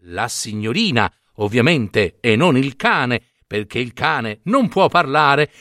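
Slow, lively comic storyteller man. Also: a little high, no room sound, studio quality. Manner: digressive, full of joking asides and self-corrections. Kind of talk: comic read-aloud story narration.

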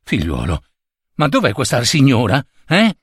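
A man voicing a bewildered old king and queen in a fairy tale, speaking low and stammering. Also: huge pitch swings, a little slow, breathy edge, no room sound, clean studio sound, exaggerated voice.

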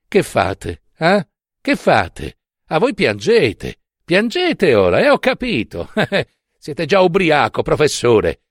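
A man's voice: fairly high pitch, wildly swooping pitch, slow, no room sound, studio quality, pitched above the performer's own voice, exaggerated voice. A man voicing an indignant young male professor who scolds and mocks with emphatic reproach. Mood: mocking lecture.

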